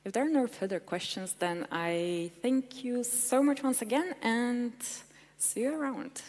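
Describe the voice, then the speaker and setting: A fairly high, unhurried, slightly mellow female voice comes through with slight background noise. The speaker, a native Polish speaker, gives an eager, chatty tech conference talk and Q&A with fillers. The large hall makes the recording reverberant.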